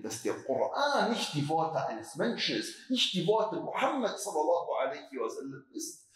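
Animated imam with echoing voice. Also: male voice, fairly high pitch. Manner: rhetorical questions, stretches words for emphasis. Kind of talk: Quran commentary lecture.

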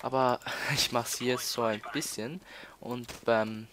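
In a slow, steady, medium-pitched voice, a teenage Austrian boy chats through a game as a let's player, with noise in the background. His casual commentary features stalling, repeated words and many fillers.

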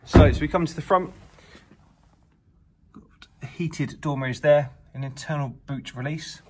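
A man's voice: on the high side, measured pace, heavy background noise. A man giving a casual walkaround of a used car in an indoor showroom, filmed on a handheld camera. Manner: upbeat salesman patter, filmed while walking. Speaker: car dealer presenting a used car. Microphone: camera held by the speaker.

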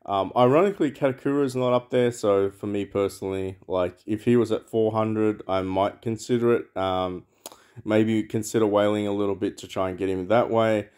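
A man's voice: lowish voice, fairly even intonation, moderate pace, darkish tone, smooth. A man giving rambling, casual commentary over a mobile game, thinking aloud with lots of fillers. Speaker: mobile game channel host.

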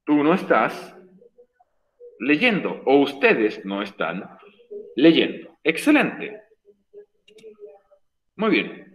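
A man's voice: mid-range voice, huge pitch swings, extremely slow, pauses often. A man teaching an online English class over a video call, explaining patiently and repeating key points. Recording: roomy echo.

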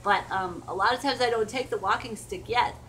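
Speaking a little fast in a mid-range, fairly bright voice, an older woman vlogs a casual haul, chatting and rambling as she unpacks her shopping and coos at her dogs. She is filmed on a home porch and in a carpeted room. The low-quality recording carries slight background noise.

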